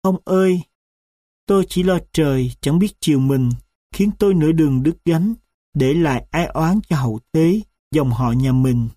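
A grieving old grandmother pleads tearfully with her late husband at his grave, as a male storyteller reads her lines. The tone is warm and mellow, and the sound is close and dry. She prays softly and with sorrow. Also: fairly high pitch, moderate pace, no echo, lightly acted. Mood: pleading.

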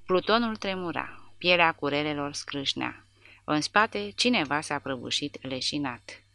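A woman narrating an audiobook in a measured, dramatic reading. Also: deep voice, animated, gravelly, bright, forceful tone, no room sound. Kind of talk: scripted narration.

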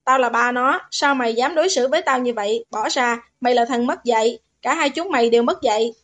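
A cowering older father who stammers and spits curses, voiced high and a little loud for a man, as a woman narrator puts him on. A storybook villain caught out. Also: a little fast, close to an everyday voice. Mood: angry.

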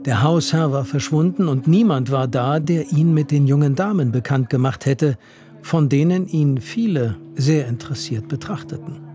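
A man giving a measured, expressive literary reading on radio, with music underneath. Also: a little high. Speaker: reader.

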